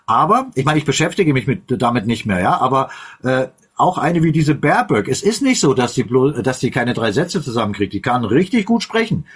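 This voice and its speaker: A man who hosts a casual political chat, talking in a relaxed way with plenty of fillers. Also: medium pitch, a little fast, breathy edge. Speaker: host.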